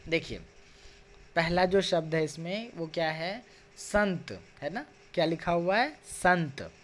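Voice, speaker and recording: A man teaching a Sanskrit class online, patiently explaining and sounding out words slowly, syllable by syllable, with frequent tag questions. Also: a little high, expressive, fairly bright tone. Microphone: video call.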